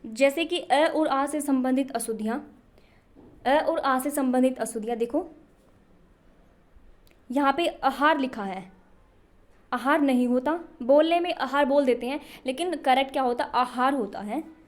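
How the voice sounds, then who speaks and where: A woman's voice: high-pitched, a little slow, long pauses. A young woman teaching a Hindi spelling lesson for exam preparation, asking questions and answering them herself. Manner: repetitive questioning, answers her own questions.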